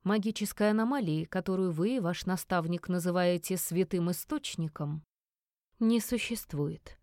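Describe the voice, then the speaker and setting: A woman voicing a calm, dry elderly male mayor who speaks in a measured, slightly mocking way. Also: fairly low pitch, no echo, lightly acted.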